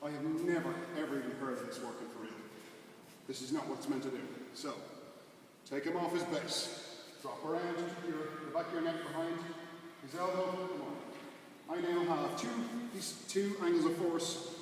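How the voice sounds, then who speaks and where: A man's voice: on the high side, steady tone, moderate pace, recorded from a distance. A man teaching a martial arts class, demonstrating techniques with casual explanations and short, clipped instructions. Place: large echoey indoor training hall. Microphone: distant camera microphone. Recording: echoey hall from afar, clear background noise.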